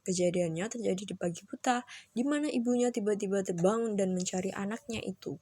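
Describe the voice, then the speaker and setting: A woman's voice: mid-range voice, a little fast, mellow, slightly rough, dry recording. A woman hosting and reading scripted narration for a mystery countdown. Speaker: host of a true-crime countdown channel.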